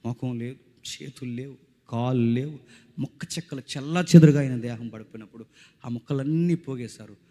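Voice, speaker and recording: Dramatic preacher with echoing voice. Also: male voice, medium pitch, brisk. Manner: dramatic, swings between loud preaching and hushed tones; repeats phrases for emphasis, asks the crowd questions. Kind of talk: village revival sermon. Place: outdoor village meeting stage.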